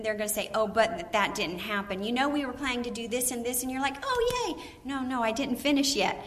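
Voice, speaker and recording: Bright-voiced woman giving a Bible lesson. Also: fairly high pitch. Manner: lively, acts out quoted voices. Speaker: preacher's wife teaching a Bible lesson. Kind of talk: Bible teaching talk.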